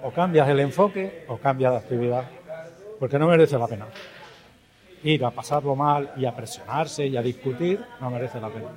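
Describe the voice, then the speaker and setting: A man in his seventies talks about amateur tennis in a reflective, earnest way. His voice sits at a middle pitch for a man. He answers an interviewer's question. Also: moderate pace, a little mellow. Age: 70s.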